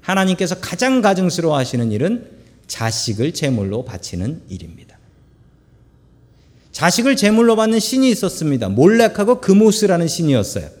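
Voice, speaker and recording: A middle-aged man preaching a sermon, telling stories with humorous asides in an animated way, recorded in a church sanctuary. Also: sits high, fairly quick. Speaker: pastor. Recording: long church hall reverb.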